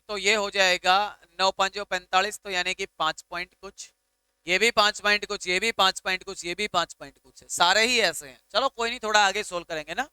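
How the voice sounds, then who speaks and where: A man's voice: high-pitched, pushed and bright, clear, resonant tone, dry recording. A man teaching a math lesson for exam students, patiently talking through each step and repeating fractions aloud. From India.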